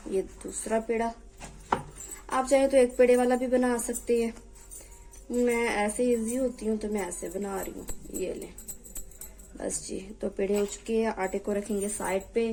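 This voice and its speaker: A woman's voice: medium pitch, mellow, low-quality recording. A young woman hosting a home cooking tutorial in her kitchen, chatting as she works and pleading with viewers to subscribe. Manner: talks while cooking, voice drops off-mic at times. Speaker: cooking channel host.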